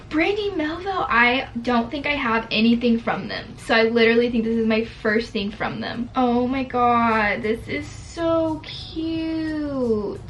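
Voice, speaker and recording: A woman's voice: fairly high pitch, normal speed. A nineteen-year-old woman vlogging as she opens gifts, teary and gushing, filling her talk with "like" and "literally". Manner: gushing, tearful, says "like" and "literally" often. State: teary, on the verge of crying. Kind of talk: emotional unboxing vlog. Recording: distant mic with loud background noise.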